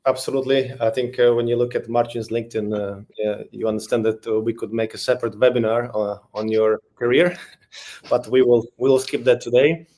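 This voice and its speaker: A man from Slovakia, hosting a business webinar in a relaxed, friendly way with frequent fillers. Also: mid-range voice, fairly quick. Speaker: webinar host, payments advisor.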